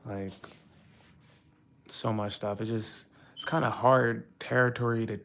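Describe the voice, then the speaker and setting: A man's voice: lowish voice, fairly even intonation, a little slow, gravelly, a bit bright, slight background noise. Frustrated young man rambling on a live stream. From United States. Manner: rambling, frustrated, full of fillers. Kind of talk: casual live-stream talk.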